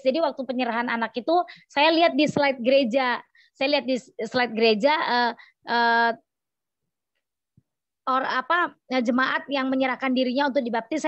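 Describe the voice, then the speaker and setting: A woman giving a church testimony, telling her story to the congregation, acting out the quoted dialogue and pausing often with hesitant fillers. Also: high voice, no echo, dull audio. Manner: addresses the audience as Bapak Ibu Saudara, acts out quoted dialogue; hesitant, many fillers and restarts. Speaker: testimony speaker.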